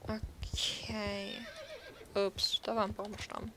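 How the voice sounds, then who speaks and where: A woman's voice: medium pitch, flat delivery, extremely slow, background noise. A woman giving casual, playful commentary while she plays a horse-riding game, talking to herself. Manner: chatty self-talk, playful. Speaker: let's play host.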